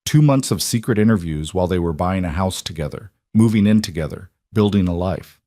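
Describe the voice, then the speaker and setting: Man, storyteller, low voice, grave measured narration, dry close studio mic. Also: mellow, no echo. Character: hurt, betrayed single father, Daniel. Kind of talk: dramatic audiobook narration.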